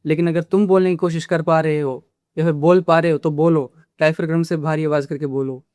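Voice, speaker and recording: A man's voice: a little high, fairly even intonation, brisk, a little mellow, clean tone, no room sound, studio quality. A man who makes communication-skills videos, lecturing the viewer directly and casually, dropping English phrases into his talk. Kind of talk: casual instructional talk to camera.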